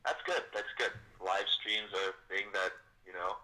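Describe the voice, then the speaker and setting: A man's voice: low voice, moderate pace, bright, forceful tone, poor audio. Man on speakerphone, dry jokes. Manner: laid-back, dry joking. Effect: heard over a phone on speakerphone. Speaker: friend calling in to a live stream. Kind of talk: casual phone chat.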